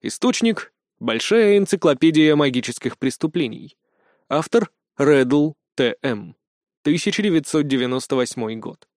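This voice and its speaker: A man narrating a first-person fantasy novel in a measured, expressive reading. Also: medium pitch, no echo, clean studio sound. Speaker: audiobook narrator.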